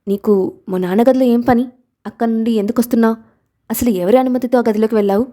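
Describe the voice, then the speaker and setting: A stern little boy from a storybook, bossy and indignant, guarding his father like a grown-up, as a woman reader puts him on. The tone stays mellow and soft-edged, even when he scolds. The boy voice sits close to the reader's own. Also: mid-range voice, fast talker, close to an everyday voice.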